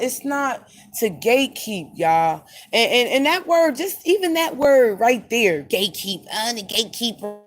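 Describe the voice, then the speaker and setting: A woman's voice: fairly high pitch, noisy background. A woman hosting a late-night podcast in a blunt, emphatic monologue, repeating her points for stress. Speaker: podcast host.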